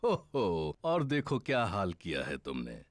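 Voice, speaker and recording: A man voicing a jolly, bumbling daddy pig in a Hindi cartoon dub, hearty and indulgent, with a husky voice. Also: sits low, wildly swooping pitch, unhurried, loud music behind the voice, heavily acted. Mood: amused, indulgent.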